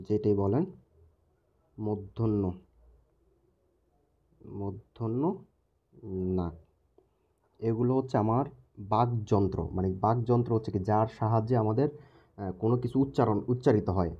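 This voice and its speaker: Male teacher, deep-ish voice, patient and repetitive, dull lo-fi recording. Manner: repeats key words slowly, asks checking questions. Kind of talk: casual recorded lesson.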